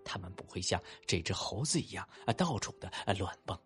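A man narrating a children's story and talking to young listeners afterward, with animated asides. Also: low-pitched, a little fast, soft background music. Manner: animated, warm-toned coaxing asides to kids.

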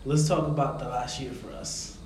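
A man's voice rings with big echo in a reverberant room, over clear background noise. He hosts a podcast in a loose, conversational way, explaining things in a rambling, informal style. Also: medium pitch, flat delivery, moderate pace. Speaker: podcast host. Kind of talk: casual podcast chat.

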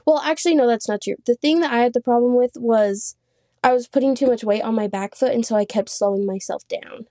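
A young woman chatting on a podcast in a slightly high, mellow voice. She talks fast and loose, laughing and filling with "like" as she tells a story. The sound is close and dry. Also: no echo. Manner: chatty, laughs often, says "like" a lot. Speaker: podcast co-host. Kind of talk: casual chat.

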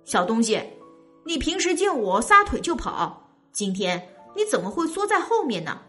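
A woman's voice: a little high, very animated, moderate pace, fairly bright tone, faint music behind. Lady doing a bossy show-off tiger, kids story, bouncy up-and-down voice. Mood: suspicious. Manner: scornful, bossy. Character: proud boastful male tiger.

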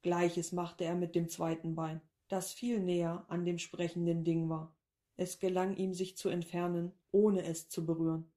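A woman narrating a short story in a calm, even read-aloud manner. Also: lowish voice.

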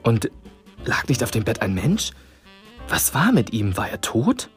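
Male storyteller, measured pace, dramatic pauses, soft guitar in background. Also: medium pitch, wildly swooping pitch, slightly rough. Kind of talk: storybook reading for listeners.

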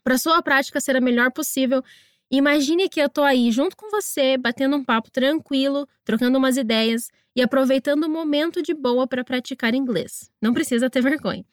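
Female English teacher, high voice, dry close mic, patient drills. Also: no room sound. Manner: encouraging, slow deliberate pronunciation drills. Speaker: English teacher and podcast host. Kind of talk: scripted language lesson narration.

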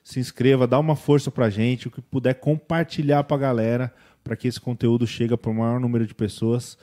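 A man's voice: mid-range voice, little pitch movement, moderate pace, warm tone. A man hosting a podcast, speaking in a casual, colloquial, appreciative way as he chats with a guest and the audience. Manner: colloquial, appreciative, uses slang. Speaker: podcast host. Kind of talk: casual chat, wrapping up an interview.

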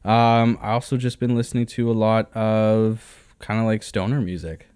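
A man's voice: lowish voice, level tone, normal speed, a little mellow, clear, resonant tone. A young man co-hosting a casual podcast, talking in a laid-back, slangy way. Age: young adult. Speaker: podcast co-host. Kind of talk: casual chat.

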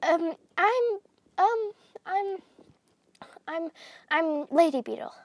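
A woman's voice: very high-pitched, lively intonation, drawn-out words, no echo, pitched above the performer's own voice, full character voice. A woman playing a flustered dragon mom. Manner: hesitant, stammering. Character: flustered dragon mother, making excuses.

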